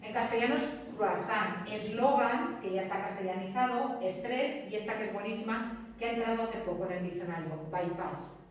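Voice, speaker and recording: A woman lectures a class, her fairly high voice carrying through a very echoey room. She sounds distant the microphone and keeps checking that her students follow. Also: brisk, a little hiss or hum. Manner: chatty, peppered with checks for understanding. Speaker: teacher.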